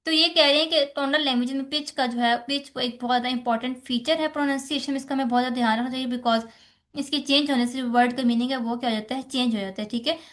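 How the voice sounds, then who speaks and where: Woman, Pakistani accent, high pitch, teacher, lecture, repeats checks like "theek hai". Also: fairly even intonation, quick pace, a bit bright. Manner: explanatory, repeats rhetorical questions and "theek hai". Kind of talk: exam-focused lecture on phonetics.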